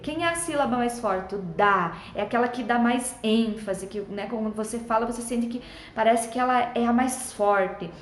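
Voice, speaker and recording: A woman's voice: fairly high pitch, moderate pace. A woman teacher, patiently explaining schoolbook exercises to children in a friendly way and checking in often. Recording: echoey room.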